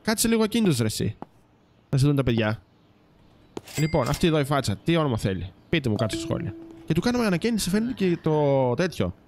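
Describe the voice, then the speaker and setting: A man's voice: medium pitch, darkish tone, a little hiss or hum. A man giving casual let's-play commentary, chatting to viewers and teasing the game's characters. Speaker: gaming YouTuber.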